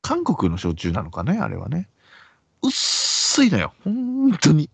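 A man with a Kansai accent, telling a story in casual chat and acting out the other people's lines with sudden high voices and whispers. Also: slow pace, creaky, slightly rough, no room sound. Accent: Kansai Japanese. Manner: animated, acts out quoted voices in pitch jumps and whispers.

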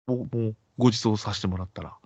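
A man with a Kansai accent, telling a story in casual chat and acting out the other people's lines with sudden high voices and whispers. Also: fast, breathy edge, no echo. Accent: Kansai Japanese. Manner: animated, acts out quoted voices in pitch jumps and whispers.

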